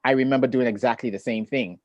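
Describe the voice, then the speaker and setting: A middle-aged man who grew up in Ghana, a poet, reading his poems and talking about family in a measured, reflective way over a video call. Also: medium pitch, fairly even intonation, darkish tone, no room sound, lo-fi sound. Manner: measured and reflective, with thoughtful pauses. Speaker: poet and author. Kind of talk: poetry reading and relaxed conversation.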